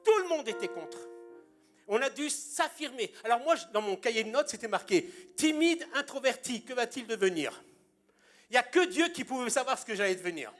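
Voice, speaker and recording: A man's voice: very high voice, very animated, fairly quick, fairly bright tone, faint music behind. A man in his sixties, a pastor preaching a sermon in a church and telling humorous anecdotes with punchlines.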